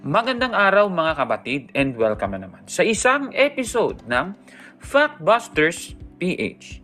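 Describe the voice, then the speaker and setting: Earnest female host with a lively, varied pitch, speaking directly to viewers; faint music underneath. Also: a little slow. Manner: earnest, addresses viewers as brethren. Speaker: host of a religious fact-check show. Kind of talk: scripted rebuttal commentary.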